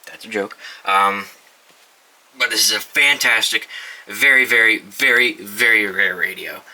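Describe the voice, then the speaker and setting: A young man offhandedly reviews his collection of weather radios in a casual show-and-tell, swearing now and then and filling his speech with ums and restarts. His voice is on the low side with a sharp tone, his pace unhurried, and the recording is low quality.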